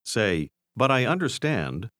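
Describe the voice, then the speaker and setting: Man giving clear language lesson prompts. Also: medium pitch, big pitch swings, slow pace, fairly bright tone, no room sound, studio quality. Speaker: language course narrator. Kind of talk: scripted instruction.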